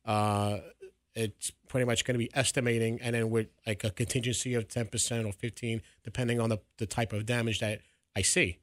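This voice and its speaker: A man's voice: mid-range voice, little pitch movement, a little fast, dry recording. A man answering as a contractor guest on a radio show, speaking hesitantly with many fillers into a studio mic. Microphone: studio mic on boom arm.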